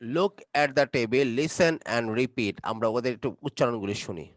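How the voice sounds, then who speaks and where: A male English teacher with a Bangladeshi accent, a native Bengali speaker, leading an online class. He speaks at an unhurried, measured pace and keeps restating each instruction, moving between English and Bengali. The sound is close and dry. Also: medium pitch, lively intonation, no room sound, rough recording.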